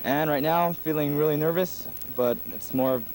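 A man's voice: on the high side, moderate pace, a little mellow, a little hiss or hum, low-quality recording. A young man, an incoming cadet from the United States, answering briefly and hesitantly. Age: young adult. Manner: hesitant, with fillers. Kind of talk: short interview.

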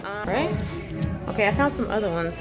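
A young woman chats into her phone camera in a loose, rambling vlog, full of fillers. Her voice sits in an ordinary middle range for a woman. Clear music plays behind her. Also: mid-range voice, animated, fairly quick. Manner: chatty and rambling, with many fillers. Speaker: vlogger. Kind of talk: casual vlog chat. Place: shopping mall, then at home.

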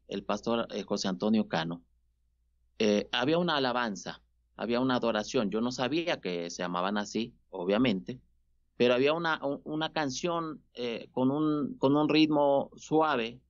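A man, a radio guest telling his personal testimony in animated, laughing bursts. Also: mid-range voice. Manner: animated storytelling with frequent laughs and restarts. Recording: dull lo-fi sound.

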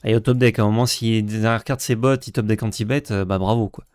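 A man's voice: lowish voice, steady tone, fast talker, a little mellow, slight background noise. Joking man playing a card game. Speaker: co-host, player. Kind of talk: casual gaming chat.

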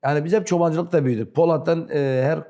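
A man's voice: fairly high pitch, fast talker, warm tone. Man telling stories in broken southeastern-accented Turkish. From rural southeastern Turkey. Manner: broken, non-fluent Turkish. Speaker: interview guest. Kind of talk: animated personal storytelling.

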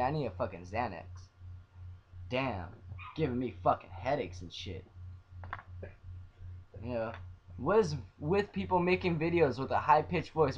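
Young man, vlogger, profane rant, constant swearing, loud-to-quiet swings, slightly high voice, dull webcam audio. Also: slightly rough. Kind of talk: profane ranting vlog.

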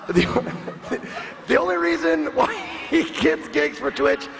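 A man's voice: extremely high pitch, sing-song, takes it slowly, fairly bright tone. A man performing a comedy roast on stage, firing off mocking punchlines and laughing at his own jokes. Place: large convention hall with live crowd. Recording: echoey hall, noisy crowd.

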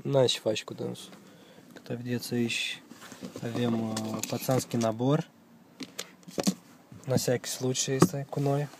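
Sitting in a parked car, a young Moldovan-accented vlogger records a relaxed walkthrough of the vehicle with his handheld phone camera. He talks at a medium pitch, meandering and unsure with frequent fillers, and there's noise in the background.

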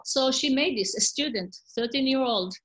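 A woman teacher tells a teaching story from home in a warm, informal way. Her talk is loose, with small slips and restarts. The sound comes through a video call. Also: high voice, moderate pace.

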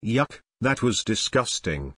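Caillou, voiced by a man, a bright bratty boy. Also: lowish voice, very animated, slow pace, breathy edge, no room sound, clean studio sound, heavily acted. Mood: whiny. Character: bratty young boy troublemaker.

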